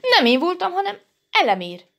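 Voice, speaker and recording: A woman voicing a calm, self-assured anteater cub with a matter-of-fact manner. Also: very high voice, vocal fry, voice pushed up, exaggerated voice.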